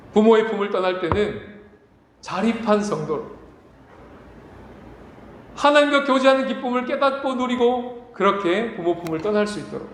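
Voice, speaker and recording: A man's voice: a bit bright, a little hiss or hum. A man preaching a sermon as pastor, acting out voices as he speaks. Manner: dramatic preaching, acts out quoted voices with big pitch swings. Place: church sanctuary. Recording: echoey church room, faint ambience.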